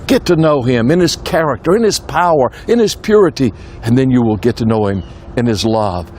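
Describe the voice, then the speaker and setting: An earnest male preacher delivers a devotional message outdoors, at a middle pitch. His voice lifts on exclamations and sinks low and quiet on reflective lines. Faint traffic hums behind him. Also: lively intonation, fairly quick. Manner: earnest, swings between lifted exclamations and low hushed phrases. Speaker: evangelist. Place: outdoors at a personal prayer spot.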